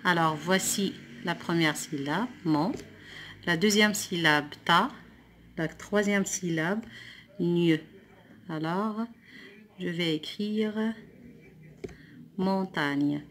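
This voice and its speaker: A Moroccan woman teaching a primary school French lesson, reading words slowly and clearly, then explaining quickly. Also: fairly low pitch, fairly bright tone, slight background noise. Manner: slow deliberate dictation of words, switching to quick explanations.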